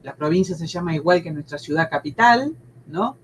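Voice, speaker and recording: A history teacher in her sixties from Argentina, with a Buenos Aires province accent, appears as a guest in a conversational interview and looks back on her schooling. She pauses a lot with fillers and keeps restarting her sentences. Her voice is deep and her intonation lively, on a low-quality recording with a little hiss or hum.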